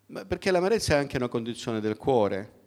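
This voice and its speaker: A man's voice: medium pitch, sing-song, brisk, darkish tone. A middle-aged man preaching a sermon in a conversational way, often asking the congregation questions.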